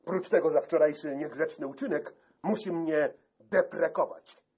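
A man voicing an irate, stubborn older country judge who shouts indignantly in a classic storybook reading. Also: fairly high pitch, moderate pace, breathy edge, voice pushed up.

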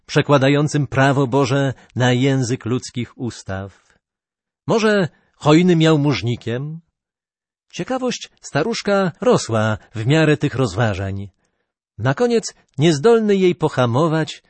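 A man narrating an old legend slowly and deliberately, his pitch rising and falling with the story. The recording is dry and close, with no room sound. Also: no echo. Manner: measured, expressive storytelling. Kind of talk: storybook reading.

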